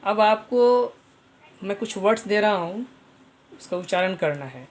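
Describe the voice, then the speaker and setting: Slow, repetitive male pronunciation teacher. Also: sits high. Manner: repetitive, spells out letters, addresses viewers as friends. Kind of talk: online pronunciation lesson.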